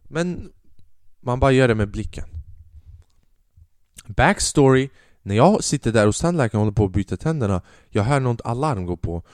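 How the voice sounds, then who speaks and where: A man's voice: mid-range voice, pauses often, no room sound, clean studio sound. A man in his twenties, a podcast host and stand-up comedian, telling rambling, profane comic stories in a casual monologue. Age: 20s. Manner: profane, rambling, animated storytelling.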